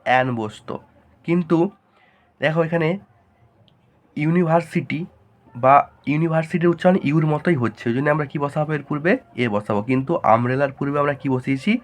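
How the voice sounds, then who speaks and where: A man teaching a grammar lesson, asking questions and answering them himself in a lower voice. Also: fairly quick, long pauses.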